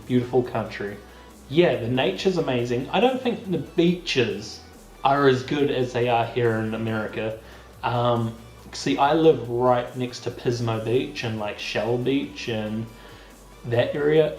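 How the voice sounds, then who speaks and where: A man's voice: medium pitch, a little hiss or hum. A young man with a New Zealand accent, chatting casually and laughing easily as he reads out viewer comments for his vlog. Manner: chatty and relaxed, laughs easily, frequent fillers. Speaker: YouTuber reading viewer comments. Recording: roomy room sound with faint music. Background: faint background music.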